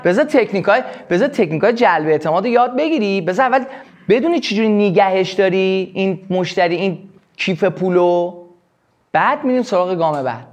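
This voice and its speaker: A man teaching a live sales workshop, explaining with quick acted examples. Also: high-pitched, lively intonation, faint music behind. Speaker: sales trainer.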